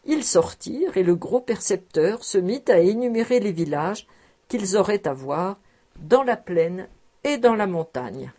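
A woman reading a classic novel aloud as an audiobook narrator, in a clear and measured storytelling manner. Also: medium pitch, animated, warm tone. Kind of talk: scripted literary narration.

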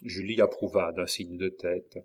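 Man reading a novel aloud, low voice. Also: fairly even intonation, unhurried. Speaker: audiobook reader. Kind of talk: scripted narration of a novel.

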